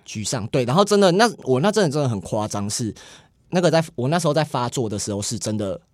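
A man talking candidly as a podcast guest, earnest and quick to repeat agreement. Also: medium pitch, very animated, no room sound, studio quality. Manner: earnest, repeats "对对对" often. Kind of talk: candid personal conversation.

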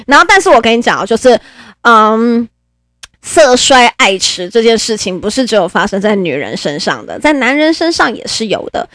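Podcast host: woman, animated and swooping, dry close recording. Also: fairly high pitch, moderate pace, no echo. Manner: animated, chatty, laughs often. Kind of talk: casual storytelling podcast.

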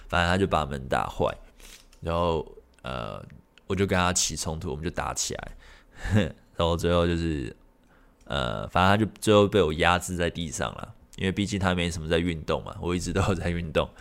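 A man, speaking in a very deep voice with a gravelly rasp. He tells a story from his own life in a loose, meandering way and curses without holding back, like a podcast host talking off the cuff. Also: lively intonation, fairly quick. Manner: rambling, frank, swears freely. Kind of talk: casual personal storytelling.

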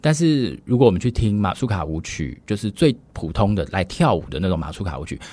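A man, a music scholar explaining in a measured, lecturing way with frequent fillers. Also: low voice, very animated, darkish tone. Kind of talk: explanatory podcast conversation.

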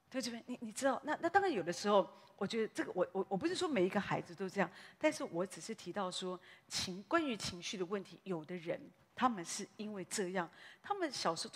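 A woman pastor, preaching a sermon in a lively, conversational way that is full of little tag words. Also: mid-range voice, breathy edge, big-room sound. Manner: animated, conversational preaching with frequent "哈" tags.

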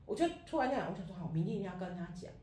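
Woman chatting fast on a podcast, high animated voice, lively story, echoey room. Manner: animated storyteller, acts out her own past words. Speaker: podcast co-host. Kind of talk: casual chat.

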